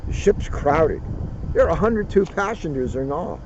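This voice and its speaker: A police officer with a bright, fairly high-pitched, expressive voice reads a children's book aloud at a moderate pace, adding casual asides. He is outdoors at a turkey farm, and the recording is muffled with faint vehicle noise.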